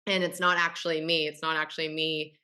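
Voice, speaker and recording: A woman's voice: low voice, flat delivery, brisk, sharp tone. A woman hosting a casual podcast interview, frank and conversational, laughing easily. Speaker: podcast host.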